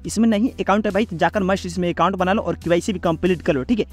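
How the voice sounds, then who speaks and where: A man's voice: sits high, faint music behind. A man hosting a casual screen-recorded tutorial, explaining each step and saying "ठीक है" again and again. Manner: rapid, repeats "ठीक है" as a filler; addresses viewers as "भाई". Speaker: host of a money-tips channel.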